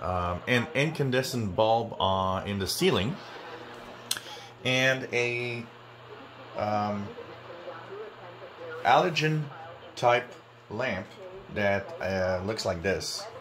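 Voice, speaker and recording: A man's voice: on the low side, expressive, extremely slow, long pauses, noisy background. A man hosting a hobby channel, giving a casual, conversational demonstration to viewers in an explanatory way. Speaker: host of a shortwave radio channel. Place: indoors in a home kitchen.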